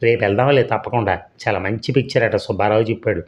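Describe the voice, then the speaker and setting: A man's voice: fairly low pitch, fast, darkish tone, lightly acted. A man voicing a hot-tempered young husband in a storybook reading, speaking in a regretful, pleading way. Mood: coaxing. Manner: coaxing, then regretful and pleading. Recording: dull lo-fi recording.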